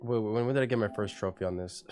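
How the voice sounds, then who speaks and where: A man's voice: fairly low pitch, darkish tone. A man sounds stuffed up and congested as he chats loosely on a live game stream. He restarts his sentences often and thanks viewers by name, with faint music under his voice. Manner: rambling, with many restarts. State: congested from a cold. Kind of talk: casual live-stream chat.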